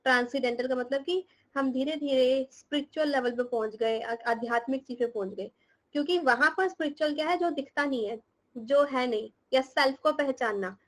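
High-voiced woman teacher scolding her class. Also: moderate pace, poor audio. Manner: scolding, teasing students with questions; laughs often while explaining. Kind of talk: live class lecture in Hindi mixed with English.

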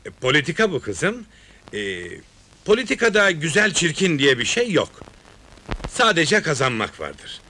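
An actor playing a calculating, cynical father who talks about politics in a calm, measured way. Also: on the high side, heavily acted. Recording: old film soundtrack with noise.

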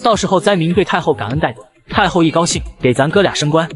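A man voicing a scheming, greedy palace eunuch official who mocks as he plots, reading the lines fast in a comic recap. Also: a little high, expressive, lightly acted. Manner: mocking and scheming.

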